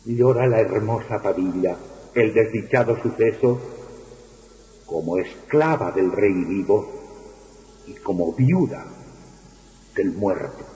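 A man reciting a ballad in a declamatory style, with big swings in pitch on the chanted refrains. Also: expressive, takes it slowly, long pauses, mellow. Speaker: poetry reciter. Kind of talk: dramatic poetry recitation. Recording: echoey hall with long reverb.

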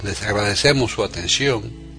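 A man's voice: fairly low pitch, moderate pace. A man hosting a podcast who gives a polite, formal closing announcement and thanks. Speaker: podcast host. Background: soft guitar music.

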